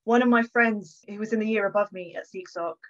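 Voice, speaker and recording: Chatty and self-deprecating, a young woman historian from Buckinghamshire tells informal stories as a podcast guest, her southern English accent carried by a medium-pitched voice that moves fairly quickly. The sound is dull and band-limited.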